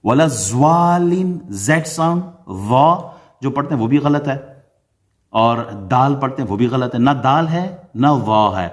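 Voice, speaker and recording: A man teaches prayer recitation in a middle-pitched voice. He rattles off corrections, sets the wrong and right pronunciations side by side, and drops in English teaching terms. Then he slows into a melodic chant for each verse. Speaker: Islamic teacher.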